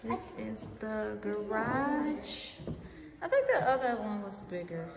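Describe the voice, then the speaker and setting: A woman's voice: on the high side, big pitch swings, takes it slowly, crowd noise. A young woman chatting casually to her viewers in a home vlog, full of unsure asides. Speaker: vlogger and homeschooling mom. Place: houses on tour and her home, indoors. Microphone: phone camera held at arm's length.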